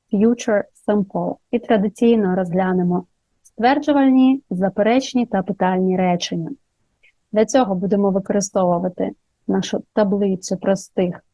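Mellow-voiced woman teaching grammar. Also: mid-range voice, no room sound, rough recording. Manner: slow, careful modelling of English examples. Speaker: English teacher. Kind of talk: grammar lesson for Ukrainian speakers.

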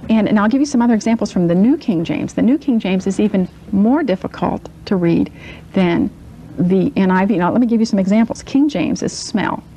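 A woman speaking as a guest in a casual interview, pausing often with "um" as she lists examples one by one. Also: medium pitch, lively intonation, warm tone, slight background noise, poor audio. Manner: hesitant, many ums, lists word examples.

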